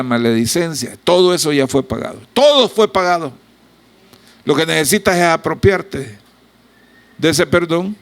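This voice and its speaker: Gravelly high-voiced Salvadoran preacher. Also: male voice. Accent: Salvadoran Spanish. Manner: preaching with wide swings in loudness and pitch, acting out biblical voices. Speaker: pastor. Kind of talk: sermon.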